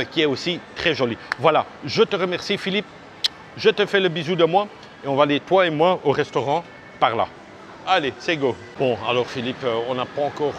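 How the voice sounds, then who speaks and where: A man's voice: mid-range voice, a bit bright. A man talking casually as a travel vlogger, chatty and direct, rambling with lots of fillers and restarts. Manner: chatty and direct, addressing viewers. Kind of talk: casual walking vlog talk. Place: outdoors on a busy seaside street. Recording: street and traffic noise behind.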